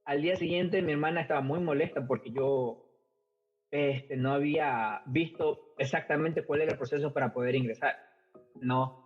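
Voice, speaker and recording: A man's voice: on the high side, normal speed, slightly rough. A middle-aged man from Ecuador with an Ecuadorian Spanish accent, talking casually as a podcast guest, hesitant, with many fillers and repeated words. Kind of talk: casual conversational storytelling. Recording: muffled lo-fi podcast audio, faint music.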